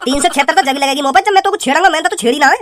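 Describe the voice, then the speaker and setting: A rude young village lad in a cartoon, voiced by a woman, who fires off blunt, sneering jabs at a breakneck clip. His voice sits high for a man, and he speaks in rough country speech that drips with scorn. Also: very fast, music in the background, close to an everyday voice. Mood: mocking. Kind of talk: Hindi cartoon comedy voice acting.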